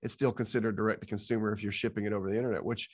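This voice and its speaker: A man co-hosts a podcast and explains things carefully, one step at a time. His delivery is calm and methodical, like someone patiently walking a listener through a process. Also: fairly low pitch, rapid-fire. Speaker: podcast co-host and beekeeping expert.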